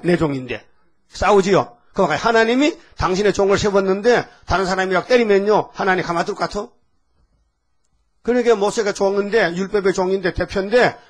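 Casual: older man preaching, kinda husky, acts out voices, high-ish pitch. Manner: folksy, theatrical preaching that acts out quoted voices. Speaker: pastor. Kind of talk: sermon.

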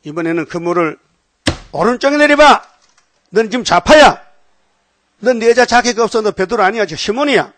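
A preacher acting out a stern male teacher who scolds his disciple in blunt, plain words. His voice sits fairly high and sounds dry and close, with no room around it. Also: level tone, moderate pace, pauses often, fairly bright tone, no echo, natural voice. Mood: scolding.

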